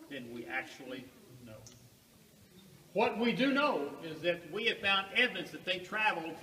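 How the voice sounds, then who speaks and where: A man's voice: on the high side, sharp tone. Man guiding a tour with cave echo. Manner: unhurried, with rhetorical questions and pauses. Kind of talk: guided tour talk. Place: inside a large cave. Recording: echoey cave from far off, faint noise.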